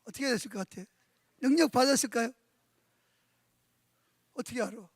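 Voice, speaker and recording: A middle-aged male pastor preaching a sermon at a church conference, telling stories in an animated way and often asking the congregation rhetorical questions. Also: very high voice, fairly quick, slightly rough, no room sound, studio quality.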